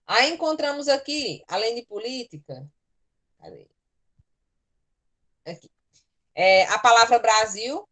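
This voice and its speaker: Through a computer microphone in a virtual class, a Brazilian teacher patiently walks students through spelling rules one step at a time. She has a Brazilian Portuguese accent and a medium-pitched, slightly bright voice.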